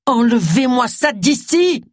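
A reader voicing a sharp-tongued, irritable middle-aged woman detective in an audiobook. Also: medium pitch, big pitch swings, a little fast, slightly rough, dry recording, studio quality. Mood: exasperated. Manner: sharp, exasperated.

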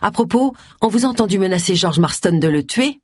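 A woman's voice: mid-range voice, animated, fairly quick, slightly rough, no room sound. A woman reading aloud voices a cheeky, sardonic man with a dry, teasing way of talking.

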